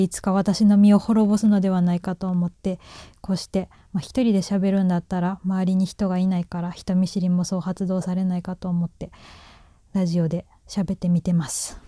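A woman's voice: medium pitch, warm tone, dry recording, studio quality. A woman with a Kansai accent hosting a solo radio talk, shy and nervous and making self-deprecating jokes into a microphone. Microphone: talking alone into a microphone.

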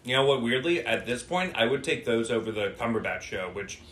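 A man's voice: medium pitch, animated, fairly quick, a bit bright, echoey room, slight background noise. A man co-hosting a casual movie commentary podcast, laid-back and dry, often saying "dude". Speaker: podcast co-host.

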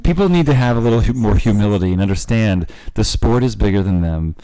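Man, co-host, casual chat, low voice, dry close sound, teasing storyteller. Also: expressive, quick pace, mellow, no echo, poor audio. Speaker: podcast co-host and golf dad.

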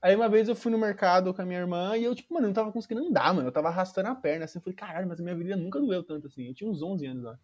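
A man's voice: high-pitched, very fast, hardly any pauses, darkish tone, lo-fi sound. A man telling a funny personal story in casual, slangy chat, swearing freely and acting out the people in it. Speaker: podcast storyteller.

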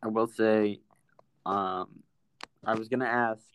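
A man's voice: lowish voice, steady tone, slow, a little hiss or hum, rough recording. A man co-hosting a podcast who chats casually and hesitantly, with frequent "um" fillers. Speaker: podcast co-host. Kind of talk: casual chat.

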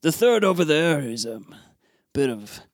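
A man voicing a halting goblin crewman. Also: a little high, big pitch swings, no echo, studio quality, exaggerated voice. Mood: earnest. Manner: plain-spoken, halting, with fillers. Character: male goblin crewman, earnest and loyal.

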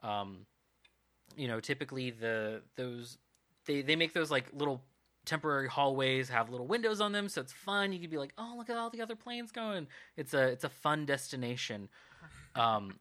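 A man's voice: medium pitch, animated, moderate pace, sharp tone. A man narrating a tabletop game as game master, rambling with lots of ums and uhs.

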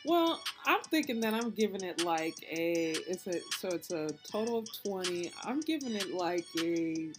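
A woman co-hosts a relaxed podcast chat, speaking in a laid-back, hesitant way with sighs and restarts. Music plays clearly under her voice. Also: lowish voice, moderate pace, hardly any pauses. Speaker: podcast co-host. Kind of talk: casual chat, movie review.

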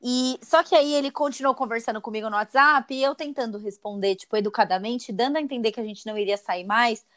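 A woman's voice: on the high side, fast talker, hardly any pauses. Chatty young woman telling a story. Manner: animated storytelling, slangy and profane. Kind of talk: casual chat.

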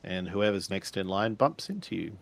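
A man's voice: low voice, lively intonation, normal speed, vocal fry. A man narrating a tabletop game as game master, describing scenes hesitantly with many fillers.

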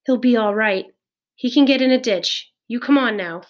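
Woman reading as an elderly grandmother, firm, coaxing, raised pitch, storybook character. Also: moderate pace, close to an everyday voice.

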